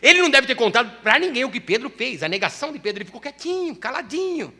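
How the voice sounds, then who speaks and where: Male pastor, sermon: high, bright and very animated, church hall reverb. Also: quick pace. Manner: animated storytelling preacher.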